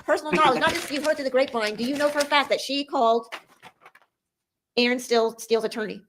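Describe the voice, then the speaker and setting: Quick, high-voiced woman judge. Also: a bit bright, slight background noise. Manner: firm, direct rulings. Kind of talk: presiding over a court hearing.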